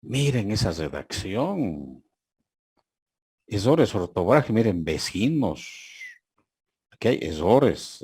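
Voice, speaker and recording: A man lectures a university class online over a video call, his voice pitched on the low side. He takes his time and reads examples aloud slowly, poking fun at their mistakes. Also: slightly rough, no room sound.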